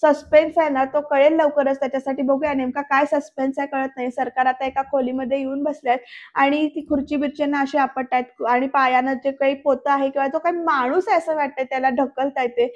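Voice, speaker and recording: Female voice-over recapper, high and steady in tone, talking directly to viewers on a dull, lo-fi track. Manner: retells scenes briskly, addresses viewers directly. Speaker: serial review narrator. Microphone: voice-over recorded separately.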